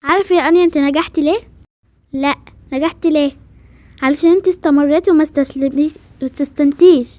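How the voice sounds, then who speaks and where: A woman's voice: high-pitched, fast, darkish tone, no room sound, close to an everyday voice. A woman with an Egyptian Arabic accent voicing a caring, encouraging mother in a voiced game role-play, speaking in a soothing, patient way. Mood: proud.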